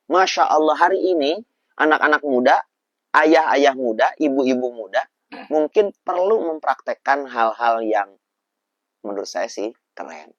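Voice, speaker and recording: A man, a preacher guest telling lively, animated stories about raising children. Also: mid-range voice, measured pace, no echo, highs cut off. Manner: animated storyteller. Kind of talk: casual religious talk.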